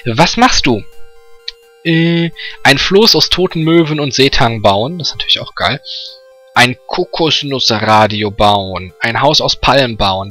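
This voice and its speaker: Man, let's play host, bright tone, husky, sarcastic game commentary, faint music behind. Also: medium pitch. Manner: joking, sarcastic asides. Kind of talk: casual gaming commentary, reading game text aloud.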